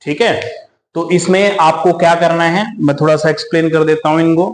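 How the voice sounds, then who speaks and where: In a coaching classroom with a roomy echo, a male maths teacher works through each step and calls his students "beta." His voice is slightly high with fairly even intonation, and he slows down whenever he reads English problem text aloud.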